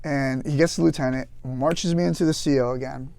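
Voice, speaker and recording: A man being interviewed as a guest author and veteran, telling anecdotes in a lively, casual way with frequent restarts. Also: medium pitch, fairly quick, vocal fry, dry recording. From United States.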